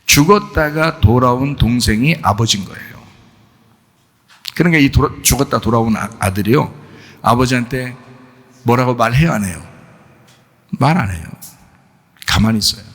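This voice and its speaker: A man preaching a sermon as pastor, animated, asking the congregation questions and answering them himself. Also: mid-range voice, normal speed, long pauses, slightly rough. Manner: animated, acts out the father's joyful shouts.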